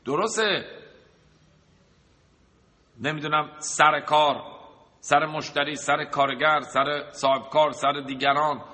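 A man's voice: a little high, pauses often, pushed and bright. A man giving a sermon who tells a story, asks rhetorical questions and lists examples. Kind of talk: sermon with a told anecdote. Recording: long reverb of a large hall.

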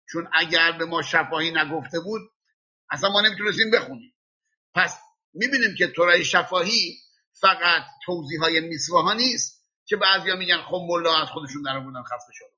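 Husky man teaching a lesson. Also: high voice, sharp tone, dull audio. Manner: explains slowly, spelling out letters and sounds by example. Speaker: religious teacher. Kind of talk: classroom lesson.

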